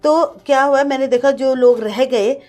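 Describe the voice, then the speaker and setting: Over soft background music, a woman shares an earnest personal testimony with a pastor, telling her story vividly and mixing in English words. Her voice is high-pitched and darkish, with a steady tone and measured pace.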